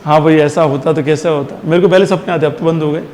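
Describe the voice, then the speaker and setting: A man with a high voice teaches a physics class. He keeps firing questions at the students and answering them himself, drilling each point, and slips English terms into his talk. His voice rings with a long reverb, as if the room is a large hall. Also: steady tone, fast, darkish tone. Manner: mixes Hindi with English terms. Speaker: science teacher.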